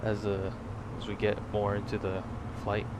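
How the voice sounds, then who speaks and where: A young man chatting casually as he plays pilot on a simulated flight, with loud engine rumble around him. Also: completely flat delivery, normal speed. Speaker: flight simulator streamer acting as airline pilot. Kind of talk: casual chat while flying a simulated flight.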